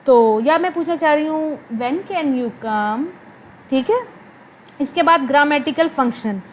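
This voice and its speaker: A woman gives a recorded lecture. She explains in a mix of Hindi-Urdu and English terms and draws out her example sentences slowly. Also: high voice, slight background noise, poor audio. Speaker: English literature teacher.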